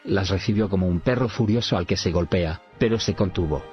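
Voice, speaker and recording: A man reading an audiobook in measured narration, sometimes saying punctuation marks aloud. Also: deep voice. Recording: dull lo-fi recording, faint music.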